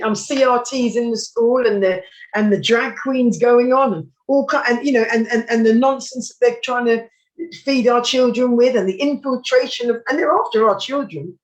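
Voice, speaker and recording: A woman's voice: fairly high pitch, poor audio. A British woman from the UK, talking emphatically on a political panel and repeating herself as she builds her point. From United Kingdom.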